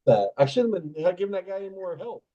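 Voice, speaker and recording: Male podcast host and coach, slightly high voice, loose and rambling. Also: big pitch swings, fast, mellow, muffled recording. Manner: rambling, trailing off, laughing at himself. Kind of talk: casual podcast chat.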